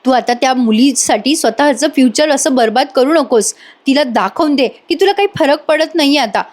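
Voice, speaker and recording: A woman's voice: high-pitched, moderate pace, natural voice. A woman voicing a grown man, a caring older brother who coaxes and pleads with affection. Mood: comforting. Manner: coaxing, affectionate, emotional.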